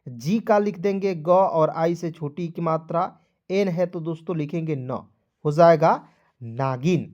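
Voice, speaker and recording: A man's voice: a little high, unhurried, a little mellow, highs cut off. A male teacher giving a beginners' spelling lesson, repeating each step and coaxing his viewers along as friends.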